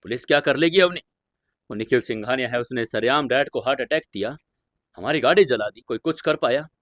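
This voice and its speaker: A man voicing a frantic, grieving middle-aged mother who talks in a hushed, tearful, pleading way. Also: medium pitch, brisk, dry recording, studio quality, lightly acted.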